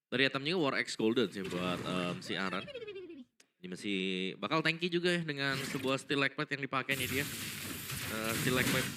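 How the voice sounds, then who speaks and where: A man's voice: mid-range voice, normal speed, background noise. A man with an Indonesian accent giving analytical commentary on an esports match as a caster.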